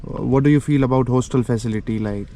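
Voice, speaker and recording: A man's voice: mid-range voice, a little fast, warm tone. A man with an Indian accent conducting a conversational interview in an encouraging manner. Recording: faint background ambient noise.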